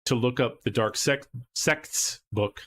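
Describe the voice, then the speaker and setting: A man's voice: medium pitch, takes it slowly, fairly bright tone. A man acting as game master, recapping a tabletop horror game in a loose, rambling way full of fillers and restarts.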